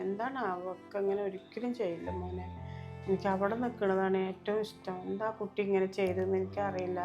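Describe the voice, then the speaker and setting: A woman's voice: medium pitch, dull audio, lightly acted. A woman playing a loving, forgiving mother who soothes and coaxes her grown son, over background music. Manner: soothing, coaxing, calls her son "my pearl". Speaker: actor in a family web series. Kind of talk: melodramatic web series acting.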